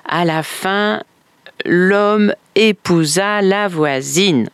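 A woman narrates a folktale slowly and expressively, letting each phrase land. Her voice has a gravelly texture, and the recording is close and dry. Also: mid-range voice, dry recording. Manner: slow, expressive storytelling. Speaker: storyteller.

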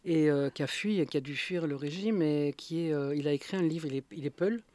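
A man's voice: on the high side, brisk, warm tone. A man interviewing in casual French conversation, hesitant, with many fillers and restarts.

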